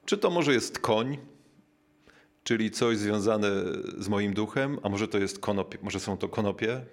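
A man with a lowish voice delivers a thoughtful sermon in a measured, unhurried way. He leans on key words by slowing right down, and fills his searching pauses with small hesitant sounds. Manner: measured, reflective, slows down to stress key words. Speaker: preacher.

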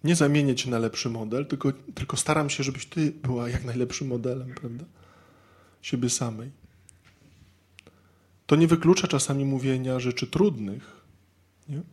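A man's voice: medium pitch, normal speed, pauses often, a little mellow, breathy edge. A man giving an informal, humorous talk to an audience of men, chatty and constantly adding little tag questions as he acts out everyday scenes. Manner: conversational, peppers sentences with tag questions. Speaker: speaker addressing men about marriage.

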